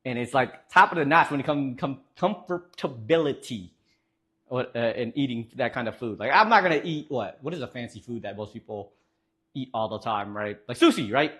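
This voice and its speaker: A man's voice: medium pitch, animated, normal speed, a bit bright, slightly rough. A young man streaming live, chatting casually with viewers in a joking, rambling way with lots of fillers.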